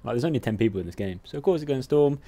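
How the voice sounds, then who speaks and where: A man's voice: medium pitch, lively intonation, rapid-fire, warm tone. A man giving casual, sweary, nervous commentary on his own gameplay. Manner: nervous, sweary, chatty self-talk. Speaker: gamer.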